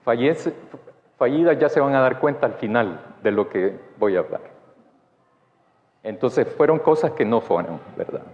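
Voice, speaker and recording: A man's voice: medium pitch, expressive, moderate pace, pauses often. A male pastor telling a personal story in a sermon, chatty and often checking in with his listeners. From El Salvador. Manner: conversational, keeps asking the congregation for agreement. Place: church sanctuary. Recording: dull sound in a church with long reverb.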